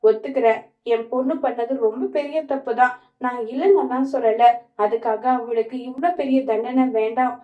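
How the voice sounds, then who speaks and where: A tearful older mother begs for help for her daughter, as a woman recapping a serial reads her lines. The voice stays high and plain. The sound is roomy and dull. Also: steady tone, normal speed, close to an everyday voice. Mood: pleading. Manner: pleading, tearful.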